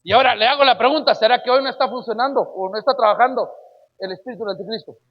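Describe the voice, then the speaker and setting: High-voiced husky male preacher. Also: very fast, muffled recording. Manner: emphatic, keeps addressing listeners as brother, rhetorical questions. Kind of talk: sermon.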